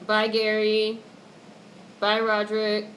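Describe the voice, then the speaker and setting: A woman hosts a casual livestream, reading chat comments and answering them bluntly and opinionatedly while swearing freely. Her mid-range, fairly bright voice is monotone and slow, and the stream audio is noisy with background sound.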